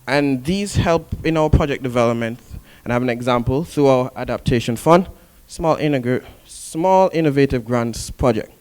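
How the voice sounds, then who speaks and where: A man's voice: mid-range voice, normal speed, few pauses, a little mellow, clear, resonant tone. A man giving a conference presentation, explaining his points step by step and reading from prepared material. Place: conference hall.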